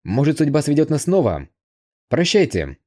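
A level-headed young hero who speaks in a measured, courteous way, read by a male narrator close to his own voice. The tone is mellow and dark with lively pitch movement. Told as an audiobook. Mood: relieved. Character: calm, polite young male mercenary hero. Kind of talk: audiobook character voice.

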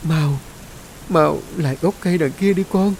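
A man's voice: on the high side, a little slow, gravelly, darkish tone, a little hiss or hum, pitched above the performer's own voice. A man voicing a young mother in labour, speaking in a faint, strained voice in a ghost story reading.

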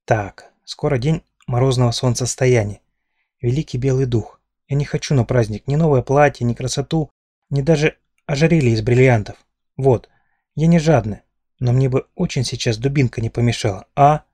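A sharp-tongued young princess, held captive, who mocks her jailer with sarcastic defiance, as a male reader puts her on. The voice stays mellow and dry, with no room sound. It reads like a storybook. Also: mid-range voice, normal speed, no echo, lightly acted. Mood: mocking.

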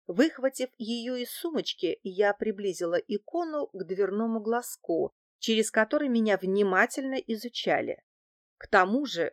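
A woman's voice: mid-range voice, dry recording. Woman reading a story aloud, dry sound. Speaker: audiobook narrator. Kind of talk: first-person audiobook narration.

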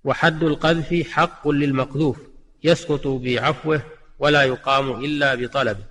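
A man delivering a scripted religious lesson in formal Standard Arabic, with a measured, classical delivery. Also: mid-range voice, steady tone, fairly bright tone. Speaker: religious teacher giving a recorded lesson. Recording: long hall-like reverb.

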